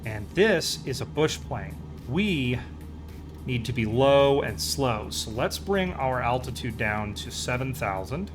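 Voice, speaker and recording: Male game streamer, mid-range voice, relaxed rambling casual chat with bursts of enthusiasm, faint music underneath. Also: medium pitch, slow pace. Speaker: live streamer. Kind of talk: casual chat while playing a flight simulator.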